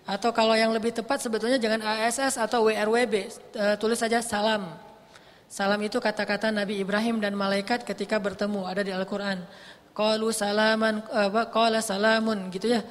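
A man's voice: high voice, little pitch movement, fairly quick. A male preacher with a lilt giving a casual evening sermon, playful and acting out little dialogues. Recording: long hall reverb.

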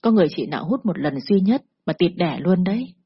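A harsh, lecturing middle-aged lady doctor, full of contempt, as a woman reads her lines. The voice is very breathy and husky, recorded dry and close with a slightly muffled, lo-fi sound. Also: fairly low pitch, expressive, fast talker, no echo. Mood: scolding. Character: blunt scornful middle-aged female doctor.

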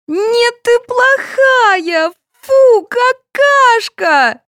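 A woman's voice: very high voice, animated, drawn-out words, bright, forceful tone, no echo, studio quality, pitched above the performer's own voice, full character voice. A woman voicing a spoiled, wild little girl who whines and screeches in an audiobook. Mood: whining. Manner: whiny, screeching.

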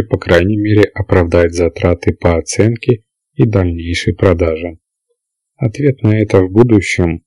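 A man narrating an audiobook in a steady, even reading voice. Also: low voice, no room sound.

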